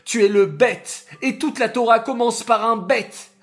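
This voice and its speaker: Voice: medium pitch, expressive, takes it slowly, fairly bright tone, soft background music. A storyteller voicing a tearful biblical patriarch who pleads and protests on behalf of his people in a children's story. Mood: pleading, indignant. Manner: impassioned, pleading.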